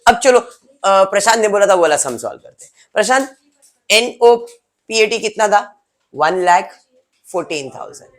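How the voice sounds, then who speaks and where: A man's voice: high-pitched, lively intonation, moderate pace, long pauses, fairly bright tone. A male teacher gives a classroom lecture, explaining step by step and teasing students by name.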